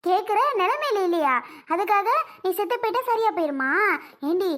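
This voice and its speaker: A woman voicing a firm, motherly older village aunt in a cartoon, with a lower, reassuring delivery and a southern Tamil accent. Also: lively intonation, brisk. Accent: southern Tamil (Kanyakumari-Tirunelveli). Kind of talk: cartoon voice acting.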